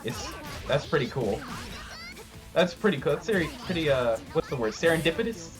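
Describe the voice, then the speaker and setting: A man's voice: on the high side, lively intonation, moderate pace, over music. Man doing hype fighting-game play-by-play. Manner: dramatic, hyping the players. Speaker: esports commentator.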